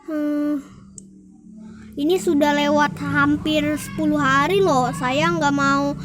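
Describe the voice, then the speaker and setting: A man's voice: very high voice, flat delivery, slow, fairly bright tone, slight background noise, full character voice. Young man doing a stern landlord. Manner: formal and insistent. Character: stern male landlord demanding overdue rent.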